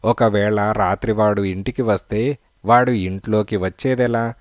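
A man's voice: fairly low pitch, steady tone, unhurried, no room sound, clean studio sound, lightly acted. A man voicing a blind, kindly old father in a storybook, speaking in a sad, resigned way. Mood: weary, gentle. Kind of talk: storybook narration.

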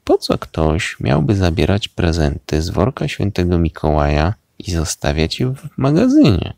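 A man's voice: sits low, huge pitch swings, moderate pace, gravelly, a little mellow, no echo, clean studio sound, full character voice. A man reading a storybook aloud and voicing a clever, bookish young woman detective who reasons things out. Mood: thoughtful. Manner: thoughtful, reasoning.

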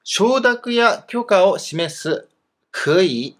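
A husky-voiced man walks through a grammar lesson with a lively, rising and falling delivery. He explains each point patiently and fills the gaps with casual fillers. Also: high-pitched, extremely slow. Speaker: teacher of Chinese.

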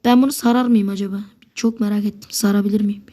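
A woman's voice: medium pitch, fast. A woman giving live gameplay commentary, swearing at opponents and getting worked up, sometimes dropping to a whisper. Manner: excitable, swears a lot, talks to opponents; drops to a whisper at times. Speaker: gamer.

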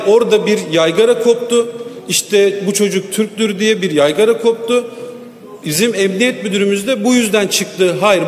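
A fairly high-voiced man addresses the floor from a lectern microphone in a large assembly hall. His words bounce around the chamber with a long, roomy reverb trailing each phrase. He pushes back against accusations, making each point in turn. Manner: defensive, rebutting accusations point by point. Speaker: member of parliament. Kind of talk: parliamentary floor speech. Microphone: lectern microphone at the rostrum.

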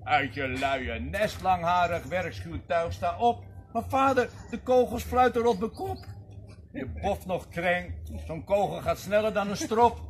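A man with a high voice recites poetry with theatrical flair. He moves between big declaimed lines and quiet asides. A faint hum of noise sits behind him. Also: a little slow. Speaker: poetry reader. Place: reading circle gathering.

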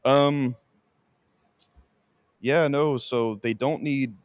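A man's voice: medium pitch, steady tone, very slow, smooth, no echo. A man co-hosting a casual sports podcast, easygoing and prone to repeating himself. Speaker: podcast co-host.

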